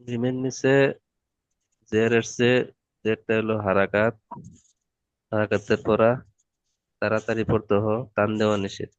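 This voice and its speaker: A man taking part as a student in a recitation lesson, reciting letters and rules aloud in a slow, hesitant way. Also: lowish voice, little pitch movement, smooth, no echo, highs cut off.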